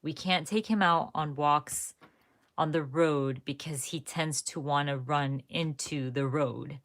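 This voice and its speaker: A young woman hosts a live crafting stream, chatting casually and rambling to viewers while often correcting herself mid-sentence. Her low-pitched voice is a bit bright, and she takes it slowly.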